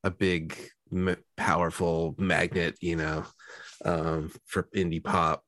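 A man co-hosting a podcast who speaks haltingly and searches for his words. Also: low-pitched, level tone, a bit bright, no echo. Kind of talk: casual interview.

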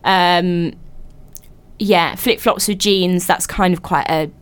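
A British woman hosting a casual radio chat, with a teasing, expressive way of talking. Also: on the low side, slow pace, clean tone. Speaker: radio host and podcast presenter.

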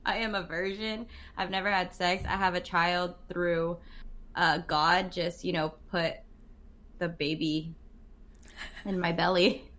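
A woman's voice: lowish voice, steady tone, slow pace, a bit bright. A woman co-hosting a live-streamed chat podcast. She teases her co-host, laughs often and reads viewer comments aloud.

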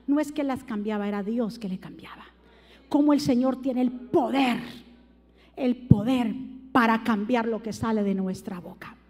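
A woman preacher giving an evangelical sermon to her congregation, moving between hushed asides and loud, drawn-out shouted appeals and putting questions straight to her listeners. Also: fairly high pitch. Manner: addresses the congregation directly with questions. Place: church sanctuary. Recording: long hall reverb.

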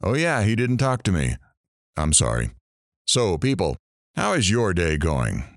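A man's voice: low voice, wildly swooping pitch, unhurried, full character voice. A man playing a talk show host, brash and teasing, hamming up each surprise.

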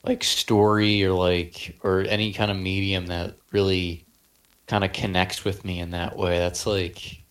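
A man's voice: sits low, little pitch movement, a little slow, a bit bright. A young man co-hosting a podcast, rambling and hesitant, his voice cracking now and then. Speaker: podcast co-host. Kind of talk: casual chat.

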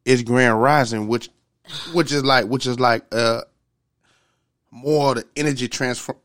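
A man's voice: medium pitch, fairly even intonation, measured pace, fairly bright tone, dry recording. Blunt slangy man, dry sound. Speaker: podcast co-host. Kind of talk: casual podcast conversation.

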